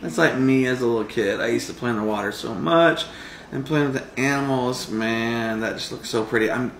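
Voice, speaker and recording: A man's voice: mid-range voice, moderate pace, fairly bright tone. A man chatting casually as a parent in a family reaction video. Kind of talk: casual chat. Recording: echoey, distant mic, faint noise.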